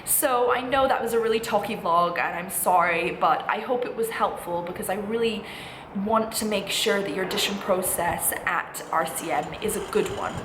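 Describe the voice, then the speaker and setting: The recording, made in an echoey room with noticeable background noise, features a woman in her 20s with a medium-pitched voice at normal speed. She's a student vlogger chatting casually, encouraging viewers with emphatic tips.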